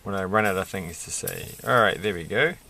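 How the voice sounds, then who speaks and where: Faint noise and small clicks sit behind a middle-aged man whose low, croaky voice has a bright, forward edge. Making a casual Lego build vlog at a desk indoors, he offers unscripted commentary, rambling and pausing as he searches for words.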